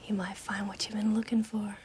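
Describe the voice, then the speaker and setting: An actress playing a mysterious woman in a thriller film, speaking in a hushed voice. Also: mid-range voice, little pitch movement, fairly quick, slight background noise, natural voice. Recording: distant film clip with music.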